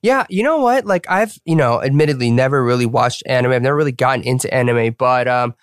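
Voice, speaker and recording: A young man co-hosting a podcast in an upbeat, playful way. His voice is smooth and clear at a middle pitch. The recording is dry and close. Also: expressive, fast talker, dry recording. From Atlanta, USA. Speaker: podcast co-host. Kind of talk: casual podcast chat.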